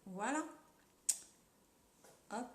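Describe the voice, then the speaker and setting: A woman's voice: extremely slow, reverberant, a little hiss or hum. A young French woman chatting casually as she sells makeup on a live stream, upbeat and full of fillers.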